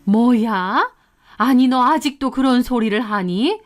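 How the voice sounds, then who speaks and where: A woman's voice: fairly high pitch, unhurried, natural voice. A woman voicing an angry older mother-in-law in an audiobook story, scolding in indignant outbursts. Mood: furious. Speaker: narrated story character.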